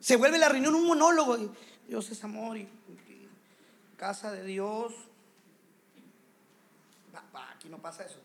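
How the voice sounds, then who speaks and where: A man preaching a sermon to church leaders, animated and playing out quick scenes in other voices. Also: high-pitched, slight background noise. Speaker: pastor.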